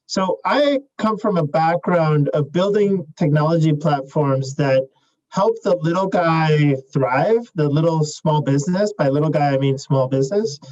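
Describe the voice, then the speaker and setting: A young adult man from Chile, a startup CEO answering interview questions in a measured way, with many fillers and restarts. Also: fairly high pitch, a little mellow, muffled recording.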